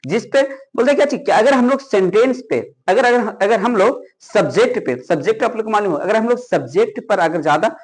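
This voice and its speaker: A man's voice: sits high, animated, brisk, hardly any pauses. A man teaches grammar like a classroom lecture. He keeps asking questions and answering them himself, repeating key phrases to drive each point home.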